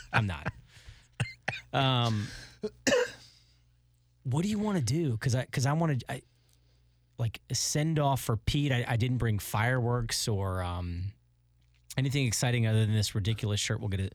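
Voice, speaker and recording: A man's voice: mid-range voice, dry recording, studio quality. Teasing, joking male podcast co-host. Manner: teasing, joking, laughs often. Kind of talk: casual studio chat. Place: studio.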